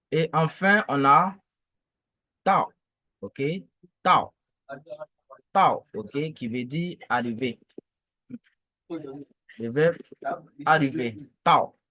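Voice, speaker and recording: A man's voice: fairly high pitch, pushed and bright, no room sound. A man teaching language tones, patiently repeating each syllable several times.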